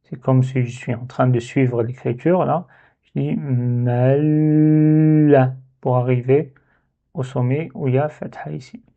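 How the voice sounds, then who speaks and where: A man's voice: mid-range voice, steady tone, normal speed, creaky. A man teaching Arabic letter reading in a step-by-step lesson, patiently repeating syllables to demonstrate. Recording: tinny phone-like sound.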